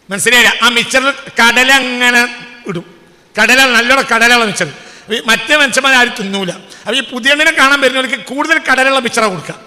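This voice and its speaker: High, sharp-voiced Malayali preacher in a hall. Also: male voice. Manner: rhetorical questions to the audience, swings from soft to shouting. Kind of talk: religious sermon.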